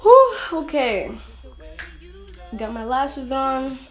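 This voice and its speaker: A young woman with a high, very animated voice stretches out her words as she chats through a makeup tutorial at home. She's a beauty vlogger who rambles, pokes fun at herself, and drops giggly asides.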